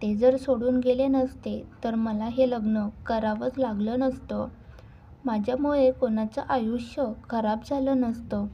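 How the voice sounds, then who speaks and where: A woman voicing a gentle, sorrowful young newlywed woman in a read-aloud story. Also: on the high side, steady tone, unhurried, dull audio, slight background noise. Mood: sad. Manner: quiet and sorrowful.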